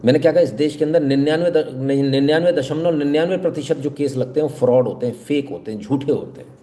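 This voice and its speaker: A man's voice: on the high side, quick pace, mellow, a little hiss or hum. Sarcastic male news commentator. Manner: sarcastic, rhetorical, talks straight to viewers.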